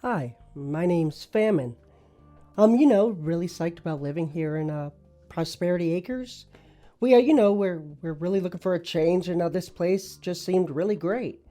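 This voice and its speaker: A woman playing an awkward, laid-back horseman of famine who rambles haltingly in a comedic audio interview. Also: on the low side, mellow, soft background music, natural voice. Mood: awkward, upbeat. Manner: halting, rambling, casual filler-heavy speech.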